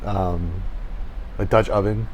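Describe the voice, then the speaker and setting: A man's voice: deep voice, steady tone, slow, darkish tone, a little hiss or hum. A man playing a tabletop role-playing game, describing his character's actions in a rambling, laughing way. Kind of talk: casual tabletop role-play chat.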